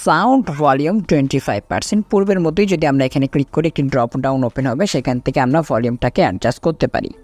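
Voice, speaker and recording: A man presenting a step-by-step software tutorial in an instructional way, repeating each item and then explaining it. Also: medium pitch, very fast, few pauses, no room sound.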